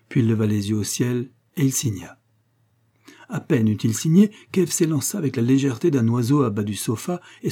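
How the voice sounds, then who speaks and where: Dark, husky male storyteller. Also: mid-range voice. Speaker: narrator. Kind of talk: audiobook reading of a 19th-century novella.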